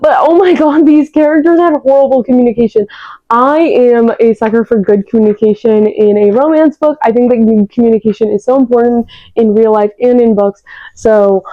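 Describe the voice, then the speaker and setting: Her voice fairly high, a young woman reviews books in a chatty, effusive vlog, frequently repeating words to stress them. She uses a new external mic, yet the dry recording still sounds like a phone.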